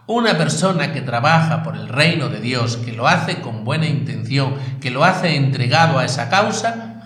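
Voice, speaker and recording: Priest man preaching, kinda high lively voice, echoey church room. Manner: emphatic, repeats key phrases, asks rhetorical questions. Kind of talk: sermon.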